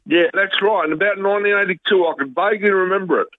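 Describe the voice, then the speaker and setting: A man's voice: sits high, fast talker, no room sound. Australian man, 50s, radio caller, bluetooth headset mic, tinny dry phone line, hesitant rambling talk. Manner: rambling, hesitant, many ums and restarts. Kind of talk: casual call-in chat.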